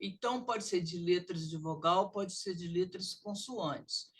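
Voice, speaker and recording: A woman with a Brazilian Portuguese accent teaching a pronunciation lesson, drawing out model sounds. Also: lowish voice. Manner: drawn-out, exaggerated model sounds. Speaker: literacy teacher.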